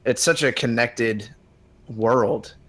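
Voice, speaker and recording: A man's voice: medium pitch, takes it slowly, fairly bright tone. A man co-hosting a podcast, making wry, pointed remarks in casual chat. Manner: wry, argumentative asides. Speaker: podcast co-host.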